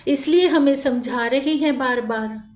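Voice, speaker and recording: A woman giving a gentle devotional sermon, pleading and repeating lines slowly for emphasis. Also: high-pitched, roomy sound. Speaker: spiritual preacher.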